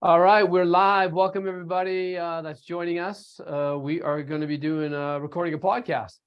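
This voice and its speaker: A man's voice: on the high side, little pitch movement, normal speed, smooth, lo-fi sound. A man hosting a podcast interview, loose and chatty with plenty of fillers. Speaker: podcast host.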